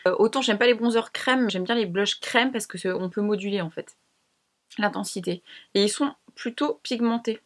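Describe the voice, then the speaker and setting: A woman's voice: mid-range voice, normal speed. A young woman chatting casually to camera as she tests makeup, slangy and self-mocking. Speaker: beauty vlogger. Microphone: camera mic.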